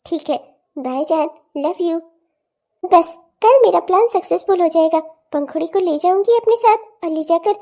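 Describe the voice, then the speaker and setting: A woman's voice: very high voice, dark tone. A woman voicing a cruel, greedy young mother in a cartoon who talks slyly and gloats. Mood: scheming, gloating. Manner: sly and gloating, snapping into harsh threats. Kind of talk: cartoon voice acting.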